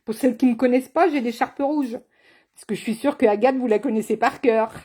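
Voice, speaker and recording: A woman's voice: a little high, fast talker, warm tone, husky. A woman running a live card-making tutorial as a craft demonstrator, chatty and teasing, speaking to viewers by name. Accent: has an accent, not named.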